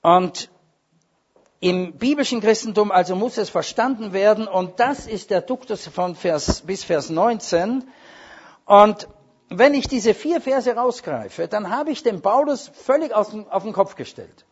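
A man preaching a sermon in a high, husky voice. He drives his points with loud, emphatic stresses, then drops into quieter asides. The recording is dull and lo-fi. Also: lively intonation, measured pace.

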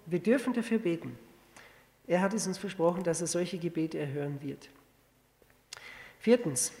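A man preaching a sermon, teaching with rhetorical questions and reading scripture slowly and deliberately. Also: a little high, a little mellow. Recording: long reverb of a hall.

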